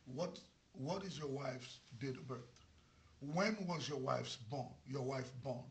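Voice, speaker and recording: A man's voice: medium pitch, slow pace, a little hiss or hum. A man playing a skeptical, formal immigration officer in a comedy sketch, insistent and repeating his questions. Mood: businesslike.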